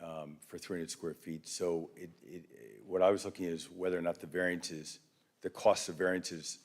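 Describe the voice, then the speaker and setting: A man with a very low voice makes his case to a town council. He speaks politely and hesitantly, repeating words as he searches for them. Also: a little mellow. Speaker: resident speaking at public comment. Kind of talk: public comment at a town council meeting.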